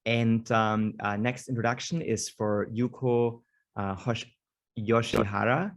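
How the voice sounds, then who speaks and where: A man's voice: mid-range voice, steady tone, slow pace. A man hosting an online panel over a video call, introducing speakers with many hesitations and fillers. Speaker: host.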